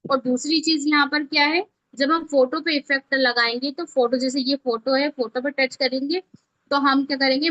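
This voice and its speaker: An Indian-accented woman with a high, fairly bright voice runs a casual online video editing tutorial, taking learners through it step by step. She speaks conversationally and keeps asking whether they're following. No room sound is audible, though the class audio is dull and lo-fi.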